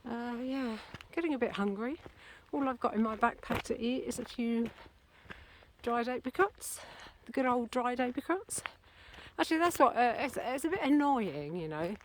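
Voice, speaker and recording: A woman's voice: on the high side, animated, normal speed, slight background noise. A woman from Britain chatting casually to her camera while walking outdoors, rambling and correcting herself, a little out of breath. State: a bit out of breath. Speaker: walking vlogger. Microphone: handheld camera.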